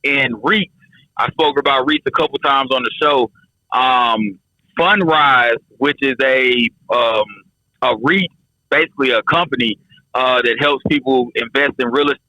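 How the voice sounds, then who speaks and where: A man comes through a muffled, lo-fi call connection that keeps breaking up. His voice is bright and a bit forceful, and it sounds dry with no room echo. He talks in a relaxed, hesitant way, filling gaps with ums and uhs. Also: medium pitch, unhurried. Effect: remote call audio breaking up. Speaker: guest. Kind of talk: casual promotional chat.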